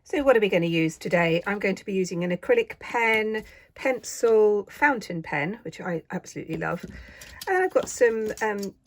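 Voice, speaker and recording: A woman in her fifties with a croaky voice, tired and under the weather, giving a casual doodle tutorial in a gentle, rambling, hesitant manner. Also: mid-range voice, lively intonation, normal speed. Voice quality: croaky, husky voice. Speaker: artist and art teacher giving a tutorial.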